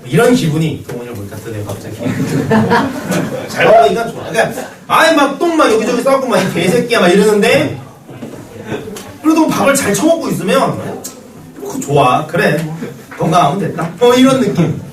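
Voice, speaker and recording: A man's voice: high-pitched, wildly swooping pitch, normal speed, noisy background. A man teaching math to a class, joking and telling stories between points. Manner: joking banter with students, storytelling. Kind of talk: classroom lecture. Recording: roomy classroom echo, distant mic.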